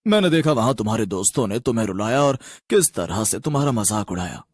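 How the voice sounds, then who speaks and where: A gentle, fatherly cartoon ghost, voiced by a man, kind rather than frightening. His husky voice swoops and lilts with lively pitch. The sound is dry and close, with no room around it. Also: quick pace, no room sound. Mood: soothing. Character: kind-hearted male ghost who lives in a tree.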